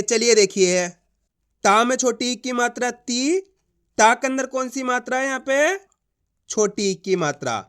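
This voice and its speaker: A man's voice: very high-pitched, a bit bright, clear, resonant tone. Patient man sounding out syllables. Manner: slow, drawn-out syllable-by-syllable sounding out; repeats patterns and checks if students understand. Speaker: Hindi reading teacher. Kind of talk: online reading lesson.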